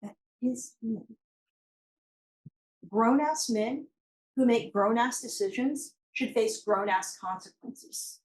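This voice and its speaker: A woman's voice: on the high side, takes it slowly, rough recording. A woman prosecutor giving a courtroom closing argument, emphatic and pressing her points through repetition. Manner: emphatic, repeating key phrases for force.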